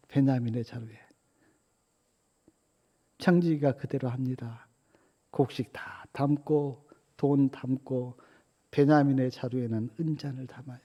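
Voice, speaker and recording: A man's voice: mid-range voice, dark tone, breathy edge, muffled recording. A male pastor giving a storytelling sermon, retelling scripture with acted-out quotes. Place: church sanctuary. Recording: long church hall reverb.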